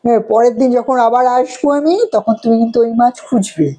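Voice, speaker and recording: This is a chatty middle-aged fish seller, persuasive and gently pushy as she talks up her catch, played by a woman. The voice sits a little high and mellow, in everyday home-video role-play. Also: fast, lightly acted. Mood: coaxing. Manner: coaxing, persuasive bargaining.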